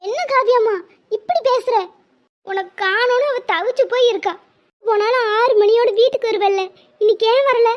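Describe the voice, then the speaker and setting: A woman's voice: extremely high pitch, moderate pace. A woman voicing a stern old village grandmother in a cartoon, lecturing firmly. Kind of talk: cartoon voice acting. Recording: slightly muffled lo-fi audio.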